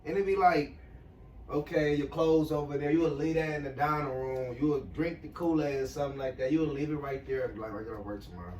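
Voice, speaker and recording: A man tells a story in loose podcast chat, swearing often and laughing as he goes. His voice sits a little high. He is heard from some distance in a roomy, echoing space with a light hum behind him. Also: fast talker, a little mellow, highs cut off. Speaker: podcast co-host. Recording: echoey room, far from mic.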